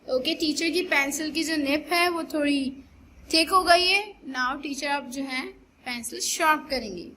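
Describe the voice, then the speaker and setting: A woman primary school English teacher giving a recorded online lesson, mixing Hindi and English and repeating words slowly to drill pronunciation. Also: sits high, pushed and bright, a little hiss or hum. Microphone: recorded for online video.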